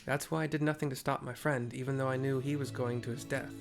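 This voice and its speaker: Man voicing a remorseful champion fighter, measured and earnest, mid-pitched, game read-aloud. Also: steady tone, gravelly, over music, close to an everyday voice. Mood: grave. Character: remorseful male champion wrestler, grave. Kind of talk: reading game dialogue aloud.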